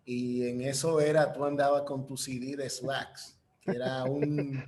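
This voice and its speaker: A man's voice: medium pitch, flat delivery, a little slow, a little mellow, a little hiss or hum. A man hosting an online panel talk, hesitant with restarts. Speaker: host.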